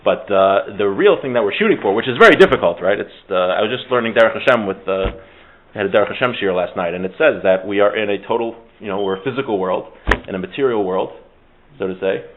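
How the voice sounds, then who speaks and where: A man with a lowish, expressive voice talks fast over slight background noise. He's leading an informal Torah class with discussion, joking, interrupting himself, and dropping Hebrew terms as he goes. The audio sounds thin, like a phone.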